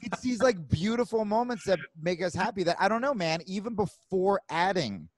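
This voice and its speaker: A man hosting a podcast, chatting casually in an animated way with frequent swearing. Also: sits high, dry recording. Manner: animated, swearing, quick asides. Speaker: podcast host. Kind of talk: casual chat.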